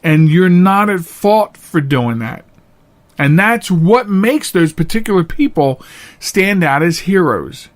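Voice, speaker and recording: Talking off the cuff on his podcast, this man sounds expressive, his voice sitting high. He keeps it earnest and plain, sometimes stumbling and repeating phrases to drive a point home.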